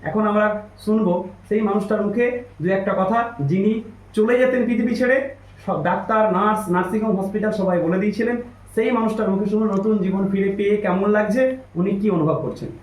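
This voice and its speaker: A man from West Bengal, a nutritionist, making an emphatic, repetitive sales pitch in a promotional testimonial. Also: a little fast, reverberant, poor audio. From Hooghly district, West Bengal, India. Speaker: nutritionist promoting herbal products.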